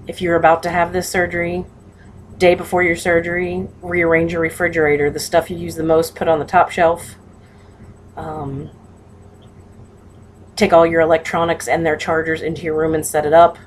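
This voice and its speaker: A woman with a low voice talks informally, as a patient passing on practical tips. Her delivery is halting and matter-of-fact, and there is noise behind her. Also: little pitch movement. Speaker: patient sharing surgery recovery advice. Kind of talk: casual personal vlog talk.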